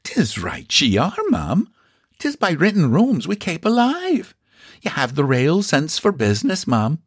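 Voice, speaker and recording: A gossipy old housekeeper woman with a thick Irish accent and a husky, admiring voice, as a man puts her on. She is pitched well above her reader's own voice and leans in eagerly. The sound is dry and close. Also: huge pitch swings, a little slow, dry recording, full character voice.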